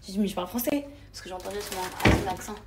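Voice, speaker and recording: A young lifestyle vlogger chats with her viewers in a very fast, mid-range voice, casual and confiding, often dropping into soft, near-whispered asides. A strong echo rings around her, with loud ambient noise throughout.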